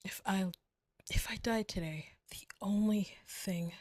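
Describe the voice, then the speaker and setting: A young woman voicing a devoted, protective female bodyguard in a whispered role-play, speaking in halting, emotional phrases with frequent sighs. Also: mid-range voice, darkish tone, no room sound, clean studio sound, natural voice. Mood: tender whispering. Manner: halting, emotional, sighing often.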